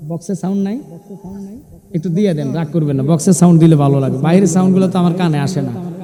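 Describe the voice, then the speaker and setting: A man preaches to a large gathering, needling the listeners with pointed questions and now and then chanting religious phrases. His voice sits high. It carries through a loudspeaker with a long, hall-like echo over a crowded gathering. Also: fast. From Bangladesh. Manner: provocative, teasing the crowd with questions. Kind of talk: Islamic sermon to an outdoor gathering. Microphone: loudspeaker microphone. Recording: echoey PA sound at a crowded gathering.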